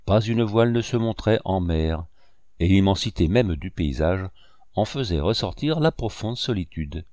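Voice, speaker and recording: Deep-voiced male audiobook narrator. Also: expressive, moderate pace, a little mellow, no echo, clean studio sound. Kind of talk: scripted narration.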